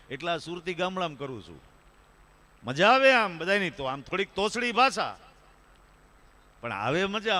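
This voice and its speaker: A stand-up comedian from Kathiawad, speaking with a Kathiawadi Gujarati accent in a sharp, higher-leaning voice, tells chatty comic stories on a live stage and keeps addressing the audience as sir. It's live folk stage comedy storytelling.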